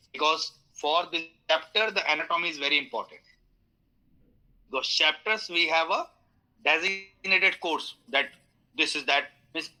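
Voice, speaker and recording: Bright-voiced Indian English instructor. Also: male voice, on the high side, low-quality recording. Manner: explains with homely analogies, many fillers, invites questions. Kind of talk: online class lecture.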